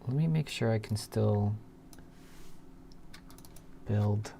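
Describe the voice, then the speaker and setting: A gravelly, dark-toned male voice sits on the low side and takes things slowly. He's a live-streaming programmer coding and casually thinking aloud, muttering to himself with sighs, hums and murmured asides. The recording is from a noisy room full of keyboard typing and clicks.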